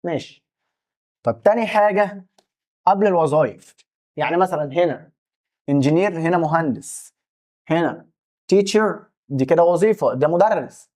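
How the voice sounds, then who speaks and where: Egyptian man teaching casually, slightly high voice. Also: animated, moderate pace, long pauses, a little mellow. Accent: Egyptian Arabic. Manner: plays out imagined student questions in dialogue. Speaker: English teacher. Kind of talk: casual classroom explanation.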